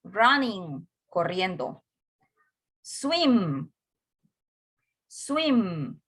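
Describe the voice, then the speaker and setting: A patient woman teacher walks a class through a grammar rule. She talks slowly, repeats each word and spells out letters one at a time, at an everyday pitch. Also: very animated, fairly bright tone, husky. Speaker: English teacher.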